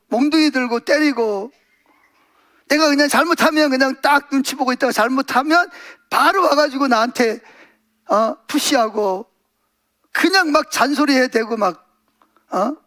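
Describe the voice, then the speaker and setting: A male pastor delivering a Sunday sermon in a strikingly high voice. He preaches with animation, acting out scenes in other voices and calling out questions to his listeners. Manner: animated, acts out voices and asks the congregation questions.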